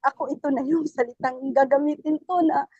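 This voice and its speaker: High-pitched woman telling her church testimony, halting and full of restarts, dull dry recording. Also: fairly even intonation, warm tone, no echo. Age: adult parent. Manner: halting, many restarts and fillers, speaks respectfully to the pastor. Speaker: church member giving testimony. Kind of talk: personal testimony.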